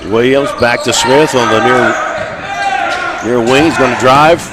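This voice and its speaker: A man calling play-by-play for a college basketball game, with steady calls of each pass and shot and occasional wry asides. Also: medium pitch, measured pace. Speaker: play-by-play announcer. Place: college gym. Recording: loud crowd noise behind.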